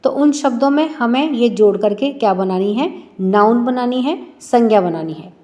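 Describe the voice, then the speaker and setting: A woman's voice: fairly high pitch, expressive, normal speed, a little mellow, in a large hall. A woman teacher explaining an English lesson for schoolchildren, asking rhetorical questions and answering them herself.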